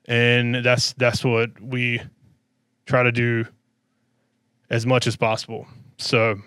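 Tired out-of-breath guy rambling about wrestling, smooth voice, dry close sound. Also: medium pitch, completely flat delivery, slow, fairly bright tone, no echo. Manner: rambling, with many restarts and fillers. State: worn out and out of breath. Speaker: wrestling show host. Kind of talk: casual chat.

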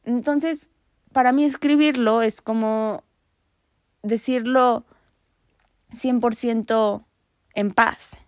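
A young Mexican woman talks to her viewers in a relaxed, chatty way, sharing personal advice and checking in with them as she goes. Her voice sits a bit higher than most and sounds close and dry. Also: slow, long pauses, dry recording. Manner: chatty and candid, speaks straight to the viewer. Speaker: vlogger. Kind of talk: casual advice talk to camera.

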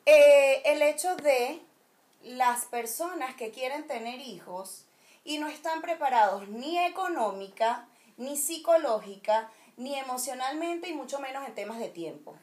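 High-voiced Venezuelan woman, opinionated. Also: expressive, unhurried, darkish tone. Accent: Venezuelan Spanish. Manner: frank, opinionated, slangy storyteller. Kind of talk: casual chat.

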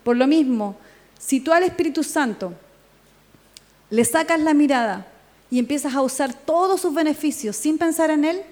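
A woman's voice: high voice, normal speed. Chilean woman preaching in a reverberant hall. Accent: Chilean Spanish. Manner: animated storytelling with quoted voices and laughter. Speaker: pastor and worship leader. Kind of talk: sermon. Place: church hall with long reverb.

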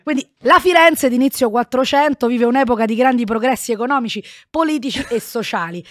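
A woman with a fairly high voice, close and dry, chatting as a podcast co-host. Her Italian carries a Roman accent full of colloquial dialect and slang. She jokes and teases theatrically as she tells stories. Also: brisk, no echo. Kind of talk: casual comic banter about art history.

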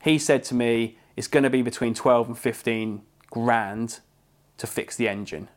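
A young English man co-hosting a podcast, telling a story in a casual, animated way and swearing freely. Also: medium pitch, measured pace. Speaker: podcast co-host.

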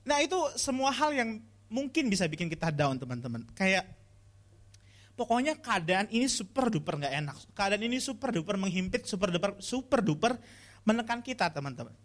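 A man's voice: high-pitched, sing-song, brisk. A man giving a casual, slangy youth sermon to viewers at home, often calling out to his audience. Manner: chatty, slangy, pleading refrains to the audience. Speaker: youth preacher.

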